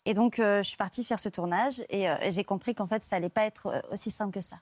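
A woman's voice: mid-range voice, fast talker, dry recording. A woman from France, an actress and stand-in, telling her stories as a talk show guest with many fillers. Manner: lively storytelling with many fillers.

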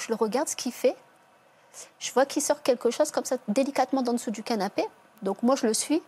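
Interviewee, female, husky higher voice; subdued, halting testimony full of restarts. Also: a little mellow. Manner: halting, with many restarts and self-corrections. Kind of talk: personal testimony.

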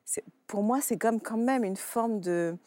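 A woman's voice: fairly high pitch, a little slow, no echo. Playful woman guest on a dry mic. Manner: lively, playful, repeats words. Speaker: author guest. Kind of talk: TV talk show conversation. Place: TV studio.

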